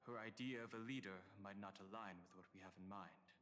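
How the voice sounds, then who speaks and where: Steady low-voiced older man played by a man, careful and weighty, reverby. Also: fast talker, faint music behind, close to an everyday voice. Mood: grave.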